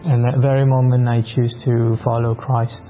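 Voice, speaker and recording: A man serves as a live interpreter voice, speaking a pastor's words in English in the first person. He talks in short, halting phrases and often restarts. His voice sits in the middle of the usual range for a man, and the recording comes through as a muffled radio broadcast with faint music underneath. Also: mid-range voice, flat delivery. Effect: live interpreter voice, translating a pastor into English in the first person.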